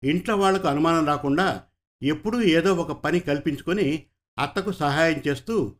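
Man, story reader, measured narration, slightly high voice.

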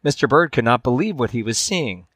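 A man's voice: mid-range voice, lively intonation, fairly bright tone, husky, dry recording, studio quality. Man reading a fable aloud on a podcast. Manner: measured storytelling delivery. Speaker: podcast host.

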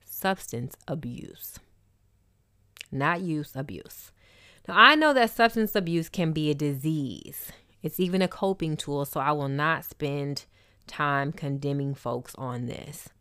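Low-voiced candid woman host. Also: unhurried, smooth, dry recording, clean studio sound. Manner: expressive, candid, wry asides. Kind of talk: casual personal talk.

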